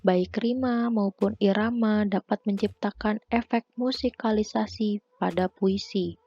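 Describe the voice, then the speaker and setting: A young woman student presenting a lesson as a voice-over for slides, reading in a measured way that lists points one by one. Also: medium pitch, steady tone, warm tone, no echo, muffled recording. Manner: measured, read-aloud listing. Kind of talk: scripted lesson narration.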